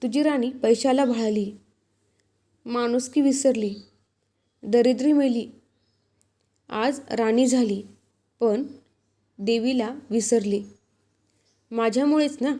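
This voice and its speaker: A woman's voice: on the high side, takes it slowly, pauses often, dark tone. A woman voicing a bitter, scolding old woman. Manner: reproachful, cursing.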